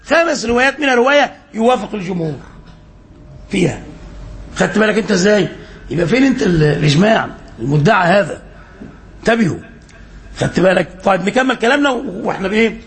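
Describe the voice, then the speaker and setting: An Egyptian man teaches an Islamic lesson as a sheikh, talking quickly in a high voice. He quizzes his listeners and fills in the answers himself. Faint noise sits behind him. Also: lively intonation. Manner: repeats phrases for emphasis.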